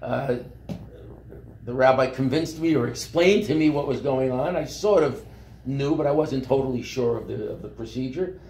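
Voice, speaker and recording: A man recounts his life in a loose, rambling way, full of fillers and restarts. His voice is dark and mellow. It was recorded on a phone across a table in an echoey office with a faint hum behind it. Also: medium pitch, normal speed. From Brooklyn, New York. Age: 70s. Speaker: company founder. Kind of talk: interview storytelling. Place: office meeting room.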